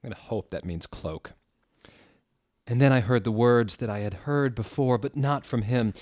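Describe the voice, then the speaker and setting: Recorded in studio quality with no echo, a man at a medium pitch and normal speed reads a story from fan fiction. His comedic delivery is mock-dramatic, theatrical and amused, with sudden swings into loud exclamations.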